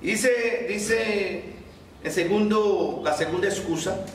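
A man with a high voice preaches a sermon in a church hall. He acts out the lines he quotes and keeps putting questions to his listeners. The sound is strongly echoey and he stands far from the mic, with faint room noise behind him. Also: slow pace.

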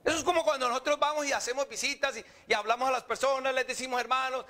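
A man preaching a sermon in an animated way, acting out quotes in mocking voices. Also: extremely high pitch, very fast.

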